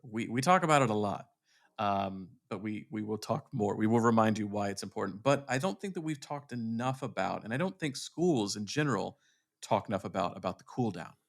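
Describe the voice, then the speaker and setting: A man hosting a podcast, talking in a thoughtful, easygoing way with many fillers. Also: fairly low pitch. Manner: thoughtful, full of fillers and restarts. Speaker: podcast host. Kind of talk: casual chat.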